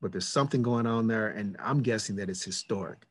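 A man's voice: fairly low pitch, brisk, no room sound. A man in his fifties hosting a reflective conversation, earnest and repeating key words for emphasis. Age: 50s. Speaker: podcast host.

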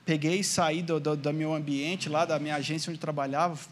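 High-voiced preacher man telling a story. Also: steady tone, normal speed, slight background noise. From Brazil. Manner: storytelling, acting out his own past prayers and quotes; addresses the congregation directly, asking amen. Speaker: pastor. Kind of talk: sermon with personal testimony.

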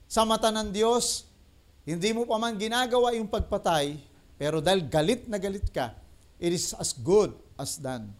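High-voiced Filipino pastor preaching. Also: male voice. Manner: mixes in English, slows and repeats key lines for emphasis. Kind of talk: sermon. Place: livestream.

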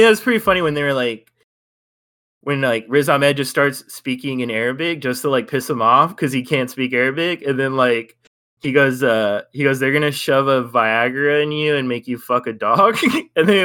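A man's voice: medium pitch, lively intonation, normal speed, fairly bright tone. A young man co-hosting a podcast, reviewing a film in a rambling, hedging way and laughing often. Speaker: podcast co-host. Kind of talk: casual film review chat.

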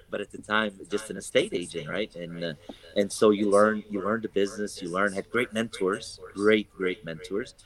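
A real estate broker, a man whose first language is English, speaks casually in an interview with a lowish voice. He rambles, using lots of fillers and restarting often, and the audio quality is poor.

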